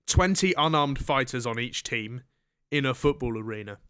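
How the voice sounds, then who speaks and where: A young man co-hosts a comedic studio podcast, reading out odd news stories and undercutting them with sarcastic jokes. His voice is bright and crisp, and it sits close and dry on the mic. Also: medium pitch, expressive, normal speed, no echo. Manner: joking, reads news items with sarcastic asides. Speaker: co-host. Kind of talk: comedic radio-style podcast banter. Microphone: studio microphone.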